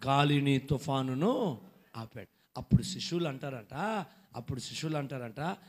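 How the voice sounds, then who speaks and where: A man preaching a sermon, swinging between shouted exhortation and quiet storytelling, and putting questions to the congregation. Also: medium pitch, animated, moderate pace. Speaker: pastor.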